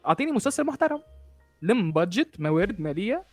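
Tunisian man, emphatic, very rapid speech, fairly high voice, faint music behind. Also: sing-song, a little mellow, no room sound. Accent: Tunisian Arabic. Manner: emphatic, keeps repeating himself for stress. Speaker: podcast co-host. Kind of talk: casual discussion.

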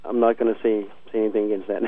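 A man's voice: on the low side, flat delivery, very fast, very noisy. A man of forty co-hosting a casual chat, hesitant, repeating words and laughing often. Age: 40s. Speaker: podcast co-host. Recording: tinny phone-like line.

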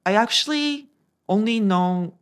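A woman's voice: medium pitch, animated, unhurried, clear, resonant tone. A woman from Japan, co-hosting, reading narration and chatting in a giggly way with restarts. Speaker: co-host. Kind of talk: scripted narration and casual chat.

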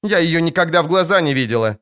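A man's voice: on the high side, lively intonation, quick pace, fairly bright tone, smooth, pitched above the performer's own voice. A man reading an audiobook voices a young female forest dryad archer who answers curtly and proudly. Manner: curt, proud.

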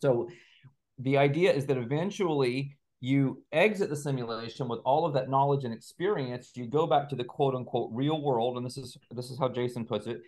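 A man of medium pitch and a slightly mellow tone talks at a moderate pace as an interview guest on a video call. He is an author and researcher, and he builds his explanations methodically, step by step.

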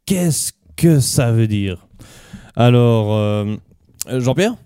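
A man's voice: mid-range voice, expressive, drawn-out words, dark tone, clear, resonant tone, no room sound, studio quality. A man hosting an improvised comedy radio show, speaking in an easygoing way with frequent hesitations.

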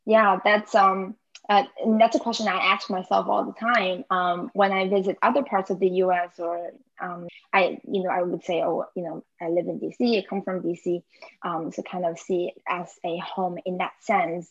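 A woman's voice: lowish voice, little pitch movement, moderate pace, no echo. Young woman from south china, podcast guest, lots of ums, dry muffled sound. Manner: hesitant, many fillers, frequent laughs. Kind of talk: casual conversation.

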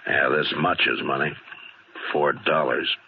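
An actor playing a calm, firm frontier lawman who speaks in a measured, commanding way, heard as an old AM radio broadcast in 1950s radio drama style. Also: rumbling low, husky, full character voice. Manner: measured, plain-spoken, commanding. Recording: hissy, muffled vintage AM radio broadcast.

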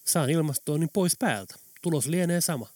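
A man's voice: a little high, lively intonation, a little mellow, no room sound, clean studio sound, pitched above the performer's own voice. A man voicing a young woman who hacks systems, answering in short, matter-of-fact replies. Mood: curt. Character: sharp-tongued female hacker.

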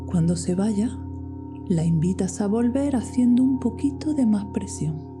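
Softly whispering woman guiding meditation. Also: medium pitch, animated. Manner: soft, slow, often whispered. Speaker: meditation guide. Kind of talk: guided meditation. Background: soft music with singing bowls.

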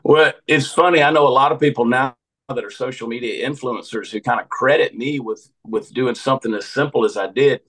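A man's voice: mid-range voice, brisk, a bit bright, rough recording. A man of fifty with a Southern American accent, a comedian telling folksy, joking stories in a rambling casual chat. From Georgia, USA. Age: 50s. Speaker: comedian and podcast host.

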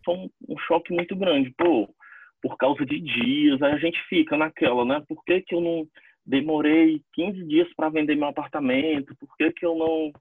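A man giving emotional, halting testimony in an interview about losing his family. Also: on the high side, breathy edge, no room sound, narrow, tinny audio. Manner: grieving, halting, repeats entendeu. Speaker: interviewee, bereaved brother.

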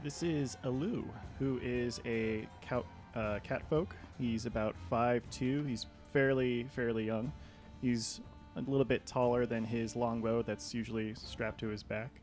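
A man's voice: mid-range voice, steady tone, a little slow, darkish tone, soft background music. A man playing a tabletop game, casually describing his character with some stumbles. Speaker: player.

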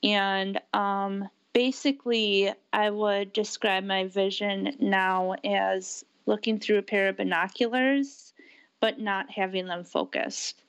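A woman in her thirties co-hosting a podcast, explaining things about herself in a measured, unhurried way. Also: medium pitch, vocal fry, a bit bright, clear, resonant tone, no room sound. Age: 30s. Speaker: podcast co-host. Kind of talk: casual personal account.

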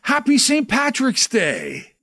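A man's voice: extremely high pitch, wildly swooping pitch, slow pace, bright, forceful tone, no echo. A man hosting a live morning show, joking and rambling with lots of fillers. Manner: jokey, rambling, many fillers. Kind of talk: casual live show chat.

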